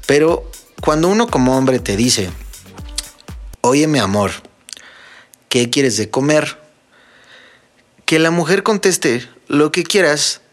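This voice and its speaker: A man's voice: on the high side, expressive, slow pace, long pauses, soft background music. A young man with a Mexican Spanish accent hosting a casual solo podcast, telling funny stories and talking straight to his listeners. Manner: joking, storytelling, addresses listeners as friends. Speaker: podcast host and DJ.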